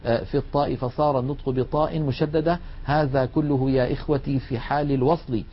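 A man teaching a lesson on recitation rules, explaining patiently and drawing out slow recited examples. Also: medium pitch, fairly even intonation, breathy edge. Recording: dull lo-fi recording.

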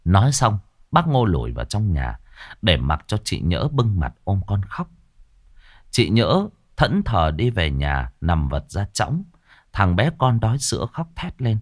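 A man narrating a ghost story in an expressive, dramatic storytelling way. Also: fairly low pitch, measured pace, no echo, studio quality.

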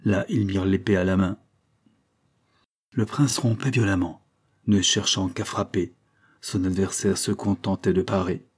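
Guy reading an old novella aloud, low husky voice, calm steady delivery. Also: unhurried, long pauses. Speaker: narrator. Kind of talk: audiobook narration of a historical novella.

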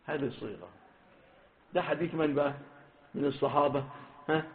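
On a lo-fi, phone-like recording, a man with an Egyptian Arabic accent teaches a hadith lesson in a slightly high voice at a fairly quick pace. He stresses the quoted wordings and puts questions to his students.

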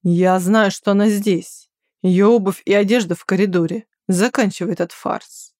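A woman's voice: mid-range voice, steady tone, normal speed, dark tone, dry recording, studio quality, lightly acted. A woman voicing a pushy, mocking young man. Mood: weary. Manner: pushy, then weary and sarcastic.

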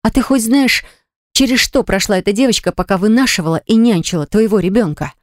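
A woman narrator voicing a stern, sharp-tongued young woman who scolds and mocks in an audiobook. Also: medium pitch, a little fast, no echo, studio quality, voice pushed up, natural voice. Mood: mocking. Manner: mocking, scolding.

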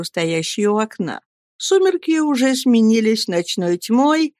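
Woman narrating a novel, lively intonation, steady pace, dry close mic. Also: medium pitch, dry recording. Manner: measured storytelling with animated intonation. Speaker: audiobook reader. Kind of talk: audiobook narration.

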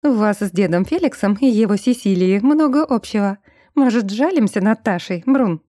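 A jittery young woman who grumbles and frets, voiced by a female narrator in a storybook. The voice is mellow and soft, recorded dry and close to the mic. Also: mid-range voice, animated, moderate pace, no echo, close to an everyday voice. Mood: nervous. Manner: nervous, grumbling.

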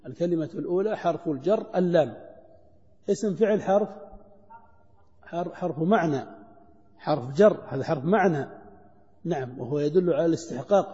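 A man's voice: a little high, dark tone. Guy teaching grammar, keeps firing questions at students, muffled lo-fi sound, echoey hall. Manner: questions students and drills answers. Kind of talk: classroom grammar lesson. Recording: dull lo-fi lecture recording in a hall.

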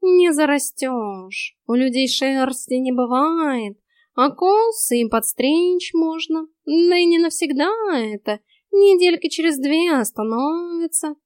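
Audiobook: woman doing a huffy know-it-all tomcat, high, slow drawl, dry sound. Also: expressive, darkish tone, no echo. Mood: reassuring. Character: talking male house cat, grumbling know-it-all mentor. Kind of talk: audiobook character voice.

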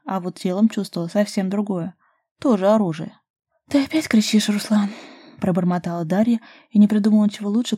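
A woman narrating a romance audiobook in an even, expressive storytelling voice. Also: lowish voice, no echo, clean studio sound.

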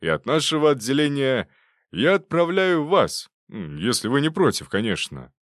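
A man voicing a brisk older male doctor who heads a department, bantering and commanding. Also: medium pitch, very animated, a bit bright, no echo, studio quality, voice pushed up.

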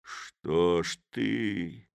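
A man's voice: lowish voice, big pitch swings, a little slow, no echo, clean studio sound. Man doing a grumbling sly old Cossack. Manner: muttering and scolding to himself.

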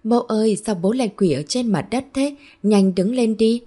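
Woman doing small children, high sing-song, pleading, husky edge. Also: moderate pace, warm tone. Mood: excited. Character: small children, sweet and eager to please.

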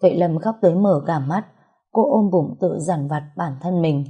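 Warm breathy woman narrating a story. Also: lowish voice, normal speed. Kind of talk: scripted audio story narration.

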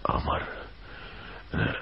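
An actor playing a grieving, weary husband who speaks in a mournful, sighing, despairing way with an Egyptian accent, as in a 1960s Egyptian radio drama. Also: male voice, a little slow, muffled recording, lightly acted. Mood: heartbroken. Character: grieving middle-aged husband, heartbroken and weary.

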